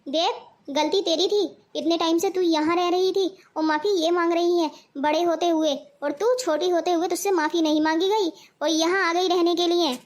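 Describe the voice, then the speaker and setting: A woman's voice: very high-pitched, steady tone, moderate pace. A woman voicing a scolding, preachy middle-aged mother in a cartoon. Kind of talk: cartoon voice acting.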